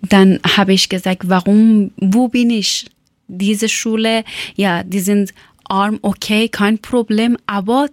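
Woman, young, from Iran, slow halting speech, searches for words, dry recording. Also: medium pitch, fairly even intonation, no echo. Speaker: former teacher telling her story. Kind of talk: personal testimony in learner German.

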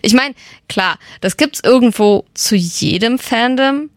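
A woman's voice: fairly high pitch, animated, unhurried, no echo, clean studio sound. A young woman radio host, chatting casually and enthusiastically as a fan, with many fillers. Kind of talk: casual radio chat about K-pop.

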